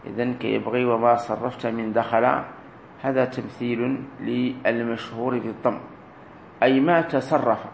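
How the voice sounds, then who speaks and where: Man teaching grammar class, repeats words slow, echoey room. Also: medium pitch, steady tone, gravelly. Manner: explains slowly, repeats key words and drills verb forms aloud. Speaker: sheikh teaching Arabic grammar. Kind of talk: recorded classroom lesson. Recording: roomy echo with faint room noise.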